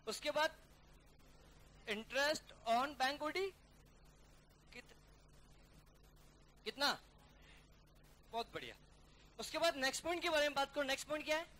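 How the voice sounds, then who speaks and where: A male accounting teacher giving a classroom lecture, briskly coaxing students to call out figures and mixing English terms into his talk. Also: very high voice, sharp tone, slight background noise. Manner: calls students "beta" and "yaar". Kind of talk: classroom lecture working through a problem.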